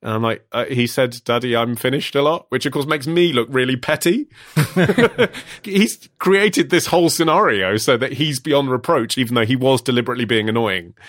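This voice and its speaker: A man in his thirties chatting casually on a podcast, telling stories with animated delivery and frequent laughter. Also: mid-range voice, normal speed, no echo, studio quality. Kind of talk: casual chat.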